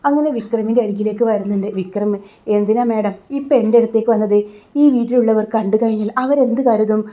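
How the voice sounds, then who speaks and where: A woman with a somewhat high, mellow voice retells a serial episode in a relaxed, chatty way. She reads the characters' lines in her own plain voice and drops in little tag words as she goes. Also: fast, muffled recording. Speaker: serial recap narrator. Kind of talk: casual spoken story recap.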